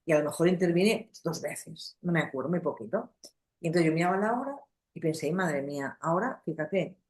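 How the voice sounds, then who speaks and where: A middle-aged woman leads a psychotherapy class. Her voice sits a little low, and she talks in a loose, conversational way, restarting sentences and checking in with her listeners. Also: animated, a little fast, a little mellow. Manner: conversational, many fillers and restarts, acts out examples. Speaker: psychotherapy teacher. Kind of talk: lecture to a class.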